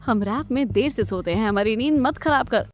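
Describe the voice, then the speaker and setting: A woman's voice: fairly high pitch, lively intonation, brisk, close to an everyday voice. A woman voicing a stern, bossy middle-aged mother-in-law in a cartoon story, speaking harshly. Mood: scolding.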